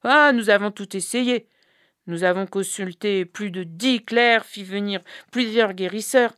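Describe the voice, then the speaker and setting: A woman's voice: medium pitch, measured pace, a bit bright, clean tone, no echo, clean studio sound, voice pushed up, natural voice. A woman voicing a scornful, dismissive wife in a folk tale. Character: scornful peasant wife of the sick man.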